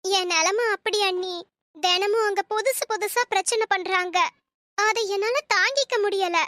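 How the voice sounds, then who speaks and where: A woman voicing a fragile, despairing young wife in a cartoon story, speaking softly and wearily. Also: very high-pitched, moderate pace, dry recording.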